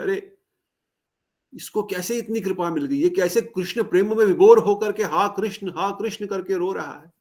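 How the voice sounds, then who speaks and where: Guy preaching a devotional story, gravelly voice, kinda high pitched, acts out the lines. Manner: animated, acts out dialogue, asks audience questions.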